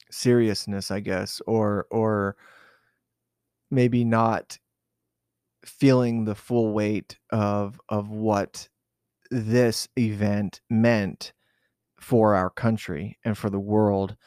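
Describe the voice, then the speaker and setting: A man's voice: on the low side, fairly even intonation, extremely slow, darkish tone, clean tone, no room sound, studio quality. A man from southern Arizona recalling a personal memory in an unscripted interview, hesitant and reflective, with many fillers and restarts. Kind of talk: unscripted oral-history recollection.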